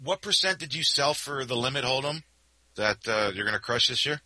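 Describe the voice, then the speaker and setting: A man's voice: mid-range voice, lively intonation, brisk, pushed and bright, dry recording, low-quality recording. A man co-hosting a casual podcast chat, chatty and prodding with questions. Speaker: podcast co-host.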